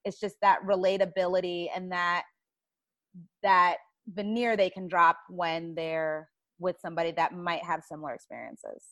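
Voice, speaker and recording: A woman's voice: on the low side, flat delivery, normal speed, fairly bright tone, no echo. A woman speaking informally and thoughtfully in a conversational panel discussion, explaining things as she goes. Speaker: child life specialist, guest.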